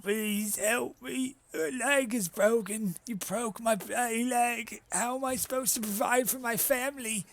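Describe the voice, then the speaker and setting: A man's voice: very high voice, measured pace, creaky, hardly any pauses, a bit bright, slight background noise, voice pushed up, heavily acted. A man voicing a freakishly tall, rude male thug in a tabletop game, sneering and later pleading. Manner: sneering, then pleading and sobbing.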